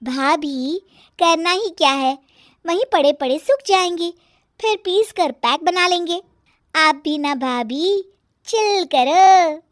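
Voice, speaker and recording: A woman's voice: very high voice, slow pace, no echo, clean studio sound, voice pushed up. A woman voicing a cheeky, easygoing young sister-in-law who teases in a breezy way. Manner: teasing, breezy.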